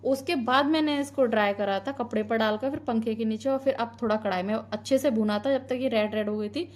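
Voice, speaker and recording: Speaking briskly in a fairly high voice, a woman in her thirties shares a family vlog as a mom, chatty and warm, handing out advice before slipping into heartfelt reflection.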